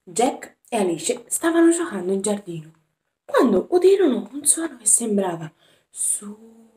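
Slow, gentle woman reading to children. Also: medium pitch, sing-song. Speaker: nursery school educator. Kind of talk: reading a picture book to young children.

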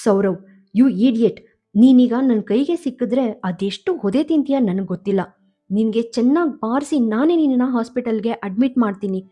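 A woman's voice: a little high, moderate pace, muffled recording, close to an everyday voice. A woman doing a fiery young woman scolding. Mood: furious. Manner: scolding, shouting. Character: fiery young woman, protective of her friend. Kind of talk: audio story reading.

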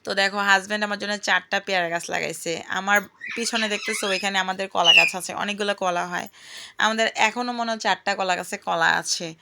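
Bright-voiced chatty woman vlogging outdoors. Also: mid-range voice, steady tone, fast talker, gravelly, a little hiss or hum. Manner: chatty, exclaims, talks to her pet bird. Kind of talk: casual home vlog. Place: outdoors in her home garden.

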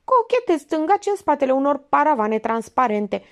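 Reading a storybook, a woman voices a sharp, sarcastic older female amateur detective who pokes at a suspect with pointed, mocking jabs. Her voice sits high, sing-song, and swings widely in pitch.

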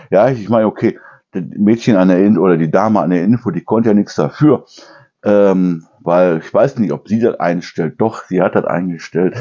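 A man with a low, mellow voice chats casually in his kitchen, his pitch swinging widely as he rambles. He often corrects himself mid-sentence and breaks into imitated noises. The sound is dull and lo-fi. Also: breathy edge. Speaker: channel host.

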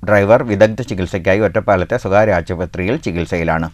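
A male news anchor from Kerala reading short headline intros in a brisk studio delivery. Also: low voice, fairly even intonation, darkish tone, no room sound. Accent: Malayalam, Kerala.

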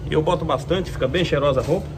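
A vlogger with a Brazilian Portuguese accent talks rapid-fire in a slightly high voice while doing chores in a self-service laundromat, the room's noise audible. Chatting informally with viewers, he narrates each task and sprinkles in many colloquial diminutives.

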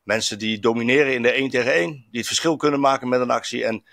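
A man's voice: mid-range voice, quick pace, creaky, fairly bright tone, no room sound, clean studio sound. A man, a football journalist reporting from abroad, chatting reflectively with many fillers and restarts. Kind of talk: casual chat. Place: in Stuttgart, on location.

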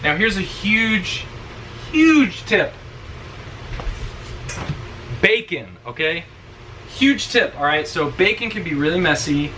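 This casual vlog comes from a church worker in his twenties, a young man whose high-sitting voice swings widely in pitch at a slow pace with long pauses. He rambles chattily with plenty of fillers, recording from a dashboard camera in the car and later a counter camera in his home kitchen. Heavy road noise comes through the distant camera mic.

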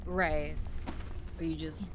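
A woman guest chatting casually while gaming, giggly and quick to apologize. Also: low-pitched, level tone, noisy background. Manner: apologetic, giggly, slow-paced. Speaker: streamer guest.

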